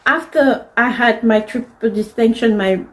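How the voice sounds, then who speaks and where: A woman's voice: fairly high pitch, a little slow, poor audio. A woman in her thirties from DR Congo, a native French speaker, earnestly and candidly telling her personal story to the camera. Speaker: fashion designer telling her life story.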